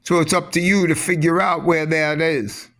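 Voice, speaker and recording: A man giving a rambling spoken teaching on mysticism, halting often with restarts and repeated words. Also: fairly high pitch, little pitch movement, a bit bright.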